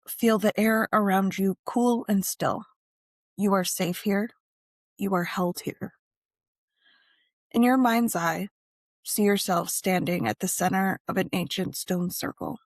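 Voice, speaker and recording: With a medium-pitched voice and no echo, a woman guides listeners through a scripted meditation and ritual, her phrases slow and deliberate and broken by frequent pauses.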